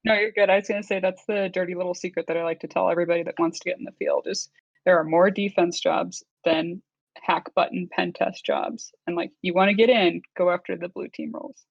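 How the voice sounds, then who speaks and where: A woman speaking in a flat, monotone way as a panelist in a casual panel discussion over a call. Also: lowish voice, a little fast, creaky, no echo, lo-fi sound. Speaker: incident response panelist.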